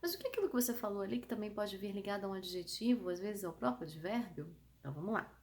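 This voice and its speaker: A woman with a São Paulo countryside Brazilian accent teaching an online grammar lesson, lively and emphatic, often checking with her students. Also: medium pitch, quick pace, slight background noise. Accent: São Paulo countryside Brazilian Portuguese. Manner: lively, emphatic, asks the class checking questions. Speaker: Portuguese teacher.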